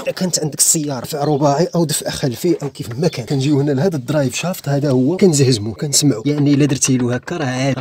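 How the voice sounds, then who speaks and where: A man with a Moroccan Arabic accent giving a hands-on walkthrough, quick and conversational, pointing things out as he works beside a car outdoors. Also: medium pitch, darkish tone, a little hiss or hum. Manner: fast, conversational, points things out while working. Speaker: car mechanic channel host.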